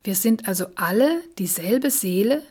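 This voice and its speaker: A woman's voice: mid-range voice, animated, moderate pace, a little mellow, natural voice. A woman voicing a curious little girl in a storybook reading, asking question after question.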